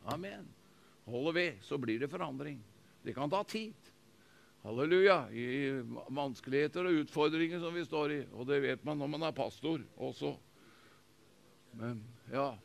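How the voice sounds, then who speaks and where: A male pastor preaching with fervor, repeating lines and drawing answers from his listeners. His voice sits high and sounds bright and forceful. He swings from ringing proclamation to hushed retelling. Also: creaky. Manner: fervent preaching with repetition and call-and-response; shifts from loud proclamation to hushed storytelling. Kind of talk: sermon.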